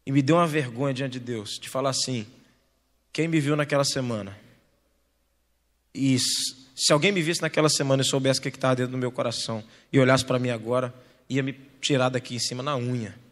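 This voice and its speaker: A young adult Brazilian man preaching as a pastor, telling his own story in a conversational, animated way. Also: a little high. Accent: Brazilian Portuguese. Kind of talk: sermon testimony. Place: church hall. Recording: long church reverb.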